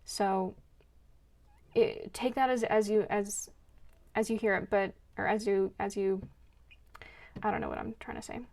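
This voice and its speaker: Gravelly-voiced woman giving a card reading. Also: mid-range voice, steady tone, unhurried, pauses often, darkish tone. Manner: earnest, emotional, rambling with many restarts. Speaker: card reader. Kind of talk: spiritual card reading monologue.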